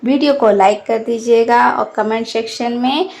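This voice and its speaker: A woman reading out a devotional festival folk tale in a slow, even storytelling manner. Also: fairly high pitch.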